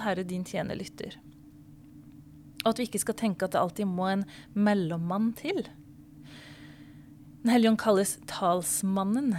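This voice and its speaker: Lady pastor teaching slow and thoughtful, middle pitch, bit of hiss behind. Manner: calm and reflective, drops to a whisper at times. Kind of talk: podcast teaching sermon.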